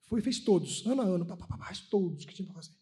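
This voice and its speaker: A man's voice: sits high, rapid-fire. A man in his thirties from Brazil giving a spiritist lecture at a conference, telling personal stories and acting out the dialogue. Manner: animated storytelling, acting out dialogue. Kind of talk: sermon-like talk with personal stories. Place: lecture hall at a religious conference.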